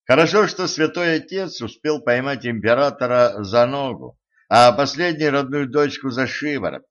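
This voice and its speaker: A man narrating a comic fantasy audiobook in a playful, lively way. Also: mid-range voice, moderate pace. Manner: lively, playful character voicing. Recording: slightly dull lo-fi recording.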